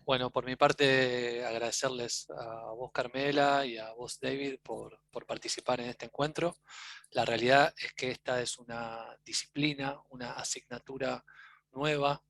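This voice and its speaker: A man leads an academic session. His voice is gravelly with a bright, forceful edge, and he speaks formally in measured phrases. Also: mid-range voice, fairly even intonation. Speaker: coordinator, university lecturer. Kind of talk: formal academic closing remarks.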